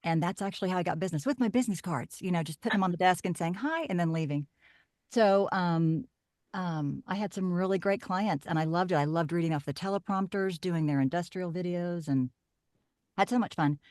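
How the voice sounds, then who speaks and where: A middle-aged woman from Oklahoma, a voiceover artist telling her story in a casual podcast chat, lively with animated asides. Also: lowish voice, brisk, dry recording, studio quality.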